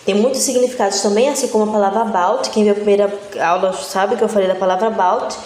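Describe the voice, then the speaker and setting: A young woman from Brazil teaching an exam-prep English lesson, explaining step by step and ending phrase after phrase with a quick "né?". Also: mid-range voice, steady tone, darkish tone. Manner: explains step by step, tags nearly every phrase with "né?". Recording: echoey room with faint background noise.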